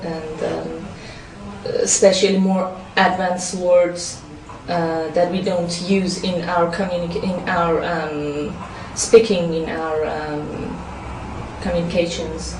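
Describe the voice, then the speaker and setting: Slow and lowish with little pitch movement, this exam candidate's voice belongs to a woman whose native language is Farsi. Her answers to the speaking test questions come haltingly, full of fillers and restarts. Background noise is clearly audible, and the distant mic captures a roomy sound.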